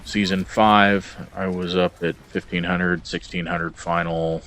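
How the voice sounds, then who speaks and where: A man's voice: low-pitched, level tone, slow, fairly bright tone, slight background noise. A man recording a casual video log about his game stats, rambling and hesitant with plenty of ums and uhs. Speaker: gamer vlogger.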